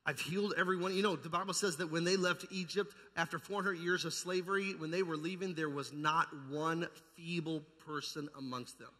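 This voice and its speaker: A pastor delivers a fervent, emphatic charismatic sermon, repeating phrases and firing rhetorical questions at his congregation. His voice sits on the high side, bright and forceful, with fairly even intonation, a slightly fast pace and few pauses. The sound is amplified and carries a long reverb from the large indoor church hall.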